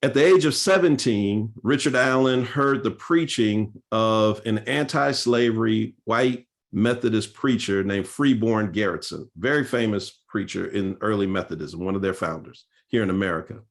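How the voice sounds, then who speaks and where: A man's voice: on the low side, normal speed, few pauses. A male pastor speaking at a seminar, telling church history in an earnest, storytelling way with frequent fillers and restarts.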